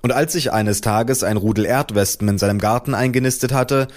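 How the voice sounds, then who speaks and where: A male reader narrates a comic first-person story in an audiobook. His delivery is dry and deadpan, with an ordinary middle pitch. He tells the story steadily. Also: fairly quick.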